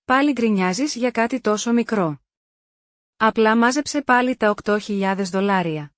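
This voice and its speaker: A woman's voice: on the high side, no room sound, clean studio sound, close to an everyday voice. A woman voicing a middle-aged mother who scolds her elder daughter in a read-aloud story. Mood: scolding. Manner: scolding, impatient.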